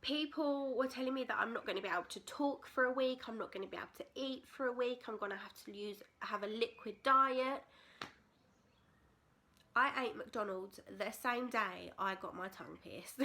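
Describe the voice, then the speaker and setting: A woman's voice: on the high side, moderate pace, sharp tone. A British woman in her twenties telling a personal story in a casual, candid, chatty vlog style. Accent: British English. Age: 20s. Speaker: vlogger.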